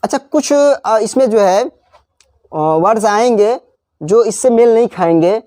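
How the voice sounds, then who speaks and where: A man teaching a spelling lesson. He spells out letters slowly, repeats each example word, and slips into chatty asides. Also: sits high, animated, warm tone, no echo, clean studio sound. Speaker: English teacher. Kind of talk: classroom-style spelling lesson.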